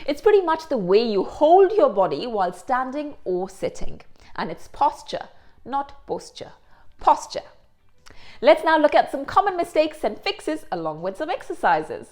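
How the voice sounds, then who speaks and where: A woman hosting a lesson and explaining things clearly, with the odd aside in Hindi. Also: sits high, very animated, normal speed, darkish tone. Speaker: host. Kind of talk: instructional presentation.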